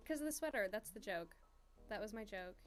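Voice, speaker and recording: A young woman chatting casually while streaming a game, excitable, giggly and self-deprecating. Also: medium pitch. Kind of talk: casual gaming stream chat.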